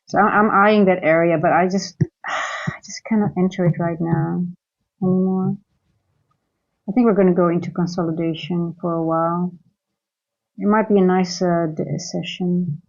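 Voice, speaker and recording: A woman's voice: on the low side, fairly even intonation, moderate pace, vocal fry, muffled recording. A woman who grew up in Singapore, hosting a live trading stream and thinking aloud as she goes, with many fillers and restarts. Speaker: trading livestream host. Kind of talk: live market commentary and viewer chat.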